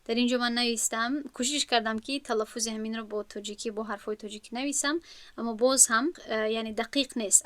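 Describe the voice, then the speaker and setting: Tajik-accented lady teacher, bit high voice, dry close sound, slow careful explaining. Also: a bit bright, no room sound. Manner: slow, careful, drawn-out demonstration of words. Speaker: Quran recitation teacher. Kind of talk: online lesson explaining recitation rules.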